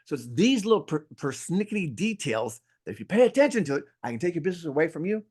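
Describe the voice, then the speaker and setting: A man who teaches real estate, talking in an interview with a lively, playful, emphatic manner from his home. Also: a little high, quick pace, husky. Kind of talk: interview conversation. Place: at home near an outdoor deck.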